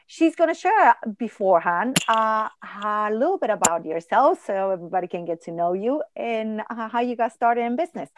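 A woman hosting a business podcast, chatty and quick to laugh, sometimes tripping over words. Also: on the high side, expressive, noisy background. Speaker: podcast host. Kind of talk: podcast interview.

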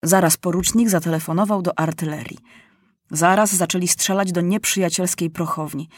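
A woman narrating a children's audiobook with lively, expressive storytelling. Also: lowish voice, moderate pace, dry recording.

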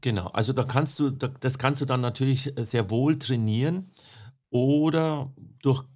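A man's voice: mid-range voice, normal speed. A man working as a speaker coach, explaining his points in an interview and often ending with a questioning "ne?". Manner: lively explaining, tag questions. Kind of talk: interview answers.

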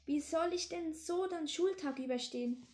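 A woman's voice: very high-pitched, normal speed, dark tone. A woman voicing a cheerful, chocolate-loving schoolboy, reading his lines plainly in an echoey room. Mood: cheeky. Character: cheerful greedy schoolboy who loves chocolate.

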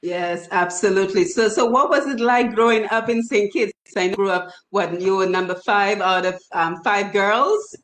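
A woman's voice: medium pitch, normal speed, hardly any pauses, fairly bright tone. A woman hosting a conversational interview, asking questions of a guest. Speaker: interview host. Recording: roomy, echoing sound.

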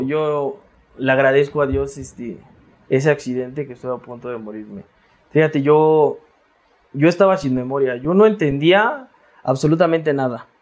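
A man's voice: mid-range voice, darkish tone. A Mexican man talking casually as an interview guest, slangy, with many restarts and tag questions. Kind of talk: casual reflective interview talk.

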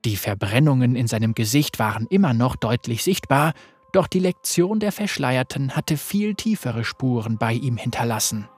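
A narrator reading a dark fantasy story aloud in a measured, dramatic way. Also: mid-range voice, animated, husky, soft background music.

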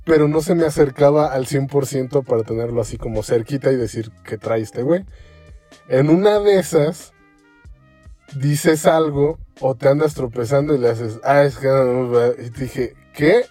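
Faint music sits under a young man's medium-pitched voice as he talks at a normal speed on a laid-back podcast. With a Mexican Spanish accent and heavy slang, he animatedly recounts a story and performs the quoted lines.

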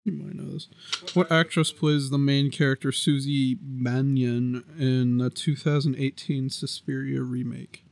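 Gravelly man teasing his co-host. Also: mid-range voice, flat delivery, a little slow, darkish tone. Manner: teasing, laughing, profane. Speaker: podcast co-host. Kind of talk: casual podcast banter, trivia game.

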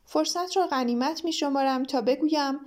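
Woman reader doing a high-voiced timid storybook boy, hesitant. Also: a little mellow, natural voice. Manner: shy, hesitant.

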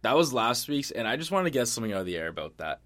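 A man's voice: mid-range voice, big pitch swings, racing, a bit bright. A young man co-hosting a podcast in casual chat, laid-back and profane, often dropping his voice. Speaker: podcast co-host.

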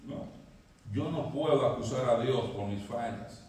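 A male pastor preaching a sermon, swinging from emphatic high peaks down to low quiet lines. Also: measured pace, slight background noise. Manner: preaching, rising emphatically, then dropping low. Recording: echoey hall, mic at a distance.

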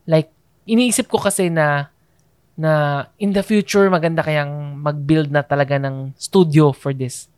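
A man's voice: fairly high pitch, steady tone, unhurried, long pauses, a little mellow, clear, resonant tone, no echo, clean studio sound. A man with a Filipino accent, co-hosting a casual podcast, talking loosely with many fillers and restarts. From Philippines. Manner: chatty, mixes English into Tagalog, many fillers and restarts. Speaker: podcast co-host.

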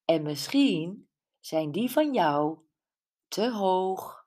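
A woman voicing Jules, a caring friend who probes gently and a bit knowingly, in an audiobook. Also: lowish voice, animated, drawn-out words, full character voice. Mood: probing. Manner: gentle but probing, a little know-it-all. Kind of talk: audiobook character voice.

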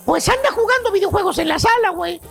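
A man's voice: very high voice, fast talker, gravelly, a bit bright, soft background music. A man telling a mocking comic story as a radio show host, full of slang.

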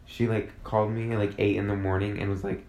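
Young dude chatting with a buddy, gravelly voice, keeps laughing, echoey room. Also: male voice, lowish voice, level tone, quick pace, darkish tone. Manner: laughing, rambling storyteller. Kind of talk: casual chat between friends.

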